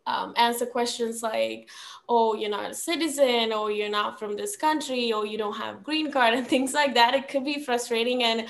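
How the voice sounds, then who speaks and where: Brief: young Sri Lankan-born woman, slightly high voice, reflective guest on a video call, lots of ums. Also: fairly even intonation, normal speed, vocal fry. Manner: frequent ums, earnest and reflective. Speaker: podcast guest. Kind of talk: casual conversational storytelling. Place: small room at home.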